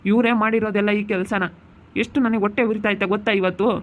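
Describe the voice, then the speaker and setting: An amateur village family drama features a man as an angry young husband standing guard over his sick wife. His high-pitched, steady, natural voice moves fast through heated, repetitive scolding.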